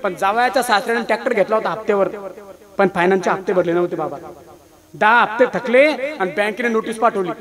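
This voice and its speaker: A man's voice: high voice, quick pace. A man, preaching a comic devotional sermon at a village gathering. He tells the story through repeated phrases and calls out to the accompanists by name. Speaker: kirtan preacher. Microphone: public address sound system. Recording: live crowd audible behind.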